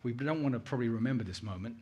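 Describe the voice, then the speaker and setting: This middle-aged man speaks with a husky, dark-toned, mid-range voice and races through his words, captured in lo-fi sound. Born in Uganda and from the United Kingdom, he has a British accent and presents casually as a conference guest, mixing personal stories with questions for listeners.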